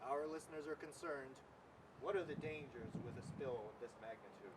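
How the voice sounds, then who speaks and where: A man's voice: mid-range voice, moderate pace, lightly acted. A young man playing a male field news reporter with a formal newscaster delivery in an amateur news parody. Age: young adult. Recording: outdoors, distant mic with traffic noise.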